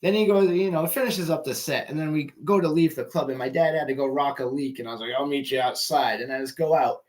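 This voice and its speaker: A man's voice: on the high side, quick pace, darkish tone. A young man doing a casual, rambling stand-up monologue at home, loose and swearing, often trailing off mid-sentence. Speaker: amateur comedian.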